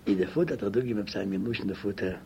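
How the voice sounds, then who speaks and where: An older man telling his memories in an interview, in halting, fragmented speech that keeps repeating words, on a muffled, hissy lo-fi tape. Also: fairly low pitch. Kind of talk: oral history interview. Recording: muffled lo-fi tape with loud hiss.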